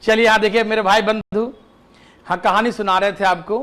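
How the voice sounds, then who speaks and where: High-voiced man teaching an online class. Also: steady tone, moderate pace, fairly bright tone. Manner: repetitive, keeps checking the class can hear him. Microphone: phone mic, battery ran out mid-class.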